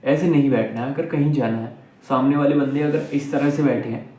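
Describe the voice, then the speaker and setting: A man's voice: medium pitch, fairly quick, dark tone. Young male host, blunt and preachy, seated and filmed on a camera mic in an echoey room. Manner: blunt, scolding, repeats "theek hai?" constantly. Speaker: self-improvement video host. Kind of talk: casual advice talk to camera. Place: indoors, seated while filming.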